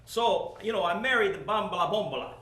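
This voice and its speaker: Brief: man voicing an accordion man, high bright tone, laughs through stories, roomy stage. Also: expressive, quick pace. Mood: joking. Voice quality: broken English, chuckling storyteller. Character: talkative older Italian male accordion player. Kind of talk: comic monologue.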